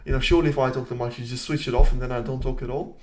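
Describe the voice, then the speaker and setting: A talkative man hosts a live stream at a racing pace, his steady voice in an ordinary middle range for a man. He mixes loose commentary with viewer comments, answering the chat directly and rambling into self-deprecating asides.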